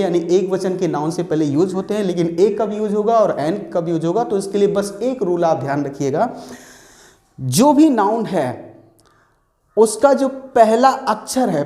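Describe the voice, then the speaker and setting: A male teacher walks through a grammar lesson step by step, repeating points and answering his own questions. His voice sounds dark and mellow. The room around him echoes. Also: sits high. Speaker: English teacher.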